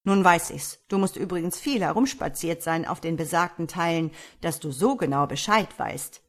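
Woman reading Mistifax, loud young peasant. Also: fairly low pitch, moderate pace, lightly acted. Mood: exclaiming. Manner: loud, exclaiming. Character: young male peasant, fretful, sly.

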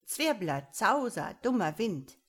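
Woman playing a shrill, vain quetzal bird. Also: a little slow. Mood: scolding. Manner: shrill and theatrical, scolding then wheedling.

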